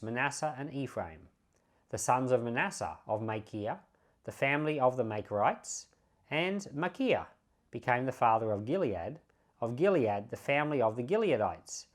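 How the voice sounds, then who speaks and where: A pastor reads aloud from the Bible in measured phrases, opening each with emphasis. His mid-range voice is very animated.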